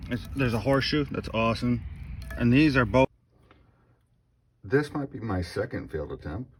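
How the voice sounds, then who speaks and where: Low-voiced man narrating a hands-on demo. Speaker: vlogger. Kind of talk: casual demonstration narration.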